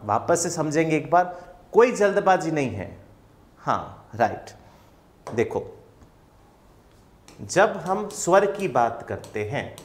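Indian man, young, English teacher, online class, fairly high voice, calm and patient, answers his own questions.

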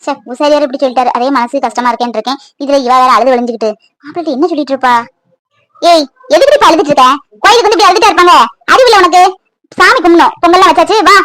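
A woman's voice: steady tone, a bit bright, dry recording. A woman voicing a scolding middle-aged mother. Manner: lower, brisk, scolding. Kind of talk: cartoon voice acting.

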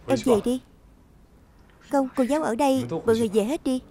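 A woman giving a single-voice dub reading of a drama, reading every role in an even, plain way. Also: high voice, fairly quick, gravelly. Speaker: voice-over dubbing narrator. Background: drama soundtrack music.

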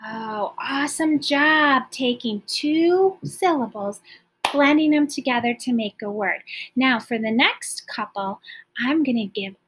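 A woman teacher leading a young class in a warm-up, speaking in a sing-song, encouraging way. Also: high-pitched, expressive, unhurried, noisy background. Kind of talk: early-grade classroom lesson.

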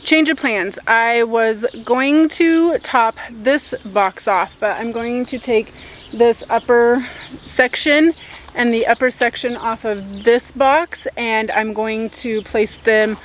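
A woman in her thirties talking casually to a handheld camera outdoors in her garden, relaxed, with frequent "um" fillers. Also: on the high side, takes it slowly, slight background noise. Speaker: homestead vlogger. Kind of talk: casual vlog narration. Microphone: camera held at arm's length.

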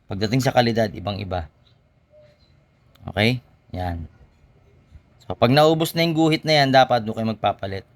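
A man hosting his own channel, showing motorcycle parts in a casual how-to demonstration with frequent tag questions and pauses. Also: mid-range voice, lively intonation. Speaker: motorcycle mechanic and channel host.

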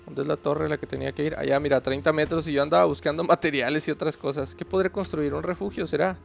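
Gravelly man narrating gameplay. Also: on the high side, steady tone, fast talker, soft background music. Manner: chatty, talks to himself and the viewer while playing. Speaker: gaming channel host. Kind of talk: casual gameplay commentary.

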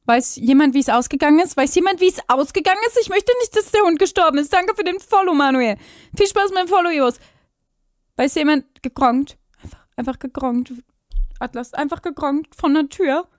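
Woman streamer, high voice, dry close mic, excitable chatter with English exclamations. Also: a little fast, dry recording. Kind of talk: live stream reaction chat.

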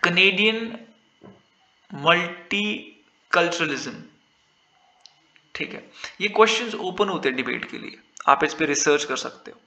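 Echoey teacher, going over exam answers. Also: male voice, high-pitched, animated, unhurried, pauses often, sharp tone. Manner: mixes Hindi and English, repeats answers aloud. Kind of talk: lecture walking through exam answers.

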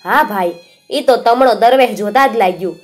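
A woman voicing a gentle, generous elderly village mother who speaks in a soft, homely way. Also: a little high, moderate pace, soft background music, close to an everyday voice.

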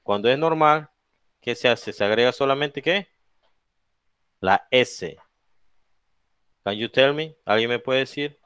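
A male English teacher with a Latin American Spanish accent walks a class through plural rules, switching between English and Spanish. He speaks slowly and spells out letters one at a time. His voice is smooth and resonant and sits close and dry on the mic. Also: medium pitch, expressive, a bit bright, no room sound. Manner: explains each rule in English then repeats it in Spanish, checking with "¿ok?" and "¿ya?"; slow, drawn-out spelling of letters and example words. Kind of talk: bilingual classroom lesson.

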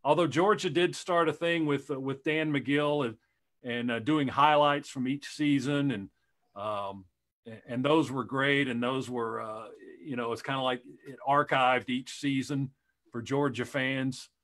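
A man's voice: mid-range voice, fairly even intonation, measured pace, a bit bright. A middle-aged man, a radio play-by-play announcer, chatting casually on a video call and rambling through stories with many restarts.

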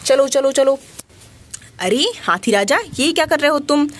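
A woman's voice: sits high, a little slow. A woman hosting a toy video who narrates and bosses the toys around with lots of repeated words. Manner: bossy, animated, many repeated words.

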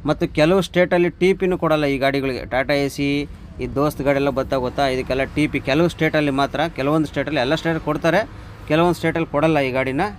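A truck driver vlogger talks rapid-fire in a fairly high, steady voice, chatting casually with viewers he calls brother and friends while explaining a vehicle. He's outdoors, with faint traffic noise behind him.

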